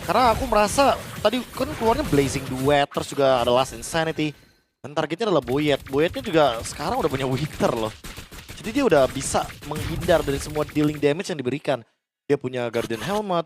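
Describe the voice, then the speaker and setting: Fast-talking male game analyst. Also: on the high side, animated, music in the background. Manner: explanatory, informal. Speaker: esports analyst caster. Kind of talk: casual analytical match commentary.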